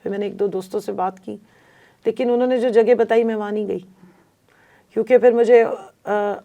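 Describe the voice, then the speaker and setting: Pakistani woman politician on a podcast, emphatic and earnest, warm mellow tone. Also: mid-range voice, fairly even intonation. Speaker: politician interview guest. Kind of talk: podcast interview.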